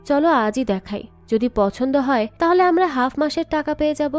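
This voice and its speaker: A worried middle-aged father who brushes off every concern, spoken in a high, bright register as a woman narrator reads him. He sounds calm and placating, with faint music underneath. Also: fairly quick, no echo.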